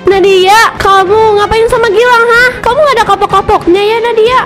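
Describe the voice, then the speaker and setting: A woman's voice: very high voice, fairly even intonation, normal speed, over music. A woman voicing Anissa, a jealous, indignant schoolgirl in a cartoon parody soap. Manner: accusing, indignant.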